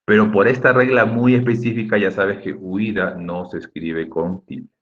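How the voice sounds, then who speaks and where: A man's voice: lowish voice, steady tone, normal speed, highs cut off. A man teaching an online class, explaining patiently, repeating key points and checking in with his students. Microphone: video call.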